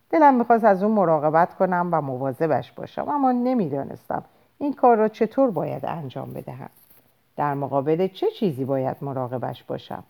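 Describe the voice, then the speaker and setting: A woman narrating an audiobook in an expressive storytelling manner. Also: fairly low pitch.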